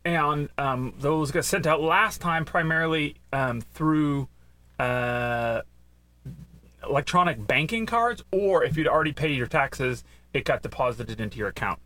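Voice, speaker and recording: A man co-hosting a casual news podcast with his child, making dry puns and pausing often with "um". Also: on the high side, lively intonation, a bit bright, no room sound. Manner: punning, dry dad jokes; hesitant, with many ums. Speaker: podcast co-host, father of the other host.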